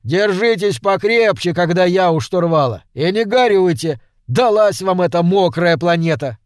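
A man voicing a bold boy starship captain who talks loud and boastful, giving commands. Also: high-pitched, animated, moderate pace, no echo, clean studio sound, pitched above the performer's own voice. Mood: brash.

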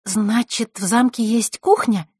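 A woman's voice: fairly high pitch, steady tone, measured pace, darkish tone, husky, no room sound, studio quality, voice pushed up. A woman voicing a principled, stubborn young girl who earnestly objects.

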